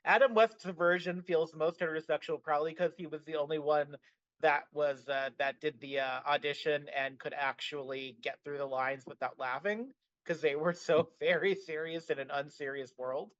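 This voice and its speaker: A man's voice: a little high, steady tone, normal speed, a bit bright, no echo. Chatty man with a muffled mic. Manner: chatty, frequent fillers and restarts. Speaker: podcast co-host. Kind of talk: casual podcast discussion.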